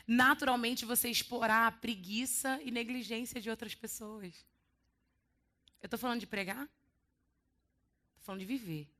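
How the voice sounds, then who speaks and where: A Brazilian woman preaches a sermon to a church congregation, speaking with a Brazilian Portuguese accent. Her voice is clear, bright and fairly high-pitched. She tells stories in a lively way and slips into playful voices when she quotes people. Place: church hall.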